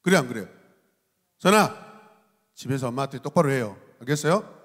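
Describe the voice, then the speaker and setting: A man's voice: mid-range voice, expressive, a little fast, fairly bright tone. Male pastor, youth sermon, playful and teasing, echoing church hall. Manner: playful, teasing, acts out voices. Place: church sanctuary.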